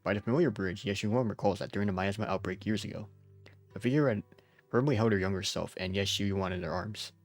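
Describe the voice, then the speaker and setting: Feeling under the weather, a male streamer chats his way through live gameplay at a fast clip, his lowish voice set against game music. He laughs often and drops casual swears, and he also reads story summaries out loud.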